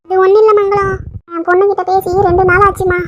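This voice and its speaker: A woman voicing a scheming, sharp-tongued elderly mother-in-law in a cartoon, scolding and nagging. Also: very high voice, little pitch movement, fast. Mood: bossy.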